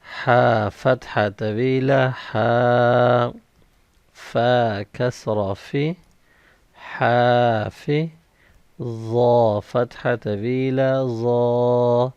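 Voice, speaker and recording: A male Quran reading teacher drills his pupils syllable by syllable, spelling out each letter and vowel before he blends them. His delivery is very slow and unhurried, and his voice is smooth and resonant. The recording is dry and slightly dull. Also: mid-range voice, steady tone, darkish tone, no echo.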